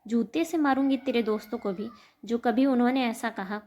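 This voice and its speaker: A woman voicing a sharp-tongued, scolding old mother-in-law in a told story. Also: fairly high pitch, normal speed, dull audio, natural voice. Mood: furious. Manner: scolding, loud.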